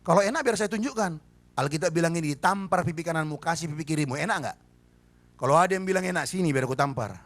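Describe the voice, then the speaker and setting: A man's voice: a little high, racing, fairly bright tone. A man preaching a sermon, emphatic and firing rhetorical questions at the congregation. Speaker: pastor. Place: church service.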